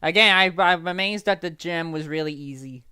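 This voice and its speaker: A man's voice: fairly high pitch, moderate pace, pushed and bright, clear, resonant tone, dry recording. A man giving casual gameplay commentary as a streamer, chatty and self-correcting as he reacts to play.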